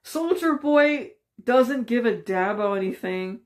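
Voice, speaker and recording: A woman's voice: a little high, animated, measured pace. A woman vlogger giving a casual, rambling opinion rant, frustrated and full of fillers.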